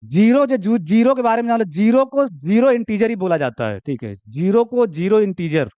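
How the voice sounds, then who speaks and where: A young man with a Hindi accent from Uttar Pradesh gives a chatty university maths lecture in Hindi, cracking jokes and repeatedly asking "theek hai?". His high, warm, smooth voice is very animated and fairly quick, recorded dry with no room sound but in lo-fi quality.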